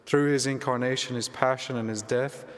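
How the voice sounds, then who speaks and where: A man, a priest, reading the gospel and preaching in a measured, reflective way, his voice ringing with a cathedral-like echo. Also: medium pitch, steady tone. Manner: measured, reflective, conversational asides. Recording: long echoing church reverb.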